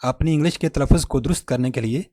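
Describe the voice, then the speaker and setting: A man's voice: mid-range voice, warm tone, no room sound, clean studio sound. Pakistani man teaching careful pronunciation. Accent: Pakistani Urdu. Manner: slow, careful demonstration of words. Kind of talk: scripted pronunciation lesson.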